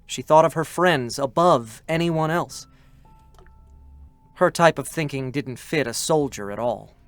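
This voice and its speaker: With music playing behind him, an actor in a solemn mood gives a lightly acted dramatic reading as a youthful, earnest male scout android from a game, narrating as the character. His voice sits on the high side and moves a little slowly, with a clean tone and a dry recording.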